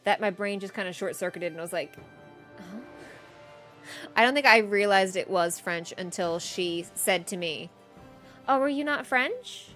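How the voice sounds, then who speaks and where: A chatty woman talks through a live game stream, answering chat in a relaxed, easygoing way. She laughs often between thoughts, with faint music under her voice. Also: fairly low pitch, moderate pace. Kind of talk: casual live-stream chat while gaming.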